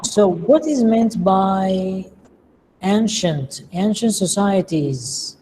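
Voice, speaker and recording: A patient lecturer talks slowly and deliberately in a mellow, soft-edged voice. The speaker pauses to put questions to the class. The voice carries a long reverb through a large room, with faint noise behind it. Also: medium pitch, lively intonation. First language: Arabic. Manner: patient, slow and deliberate, quizzing students. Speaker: English lecturer.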